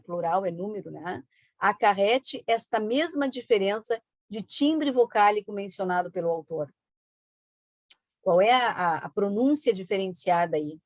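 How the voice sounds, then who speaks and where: A woman teaching an online exam-prep lesson, brisk and coaxing, with frequent tag questions. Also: mid-range voice, a little mellow, no room sound. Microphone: video call.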